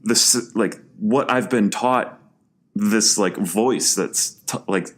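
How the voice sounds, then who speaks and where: A man co-hosting a casual podcast, telling a personal story in an animated, rambling way, with restarts and some swearing. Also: on the low side, slow pace. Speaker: podcast co-host.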